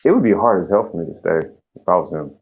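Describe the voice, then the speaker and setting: A man's voice: low-pitched, very animated, fast, dull audio. A man co-hosting a casual car talk show, blunt and emphatic, swearing casually. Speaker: podcast co-host.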